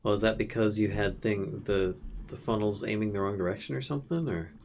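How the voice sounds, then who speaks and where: A man's voice: lowish voice, fairly quick, a little mellow, slight background noise. A man live-streaming a modded game, chatting casually, teasing his co-player and laughing often. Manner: playful teasing, laughs often, thinks aloud.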